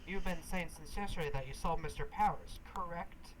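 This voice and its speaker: A man's voice: fairly high pitch, a little fast, slight background noise, close to an everyday voice, rough recording. A man voicing an earnest young defense lawyer questioning a witness bluntly in a game read.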